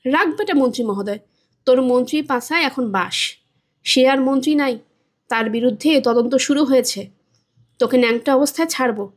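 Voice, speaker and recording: A woman's voice: high-pitched, moderate pace, pauses often. A woman voicing a brutal bodybuilder thug in a storybook reading, coarse and threatening. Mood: menacing. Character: menacing bodybuilder thug, adult man, brutal.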